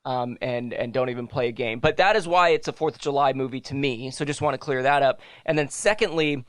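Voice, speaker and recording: A man's voice: medium pitch, fairly quick, a bit bright, clean tone, dry recording. A young man co-hosting a podcast in casual chat, rambling and correcting himself, often laughing. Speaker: podcast co-host.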